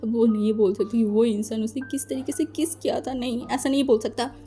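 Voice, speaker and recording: A woman reading fan fiction aloud as storyteller, with lively, chatty asides to the listener. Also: on the high side, brisk, faint music behind.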